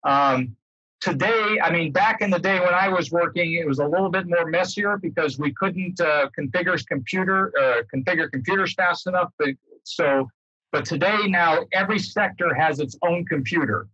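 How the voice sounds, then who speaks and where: Bright and forceful, with a breathy edge, this older American man's slightly high voice moves at normal speed as he informally explains something over a video call, rewording as he goes. He is a guest speaker and former air traffic controller, sitting indoors among bookshelves at home. His computer mic yields dull, roomy, lo-fi sound.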